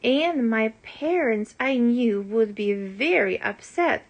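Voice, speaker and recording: Reading a rhyming children's story aloud as a parent might, a woman uses a fairly high voice and an expressive, deliberate delivery. The recording's high frequencies are cut off.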